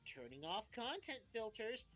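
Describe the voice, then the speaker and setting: A woman's voice: on the high side, big pitch swings, unhurried, rough recording. A woman streamer chatting casually and reading a post aloud in a dramatic, theatrical voice.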